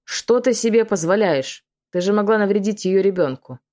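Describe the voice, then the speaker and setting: A woman's voice: medium pitch, animated, normal speed, a little mellow, lightly acted. A woman voicing an indignant young male lord who growls out his protests in a storybook reading.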